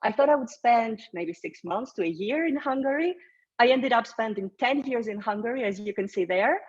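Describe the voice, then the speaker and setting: A woman from Greece leads a webinar. She talks in an upbeat, conversational way and often restarts her sentences. Her voice is a little high and husky, and it comes through dull, lo-fi video call audio. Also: expressive, moderate pace. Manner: encouraging, conversational, with fillers and restarts. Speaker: career strategist presenting a webinar. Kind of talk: webinar presentation.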